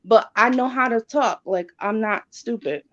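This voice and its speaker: A woman's voice: fairly high pitch, moderate pace, dull audio. A woman telling a story casually and animatedly, acting out both sides of conversations. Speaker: furniture store office manager in customer service.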